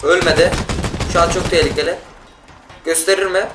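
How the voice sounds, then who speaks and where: A man giving casual gameplay commentary, excitable and yelling in bursts during fights, talking to the other players. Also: sits high, normal speed, distant mic. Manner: talks to other players and teammates. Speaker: gaming YouTuber. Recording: roomy sound, off-mic, loud game music. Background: game music and gunfire.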